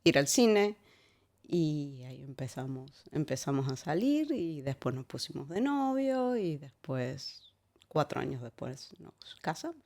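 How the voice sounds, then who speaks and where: A low-pitched woman in her forties from Argentina, with a Córdoba accent, tells her life story as a guest in a relaxed interview. She speaks haltingly, repeats words and laughs easily.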